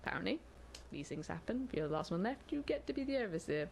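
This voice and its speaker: Dry low-ish woman host, deadpan and self-mocking, lots of ums, faint hiss. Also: fast, creaky, low-quality recording. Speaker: podcast host. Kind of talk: comic role-play podcast hosting.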